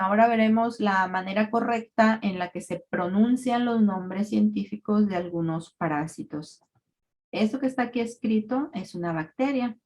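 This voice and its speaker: A woman giving a recorded parasitology lecture, explaining terms in a measured way with frequent fillers. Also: mid-range voice, a little mellow.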